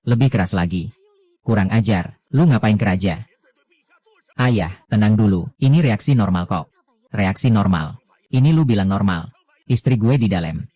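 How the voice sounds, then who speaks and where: A man narrating an anime recap in casual slang, reading every character's lines in one steady voice. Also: lowish voice.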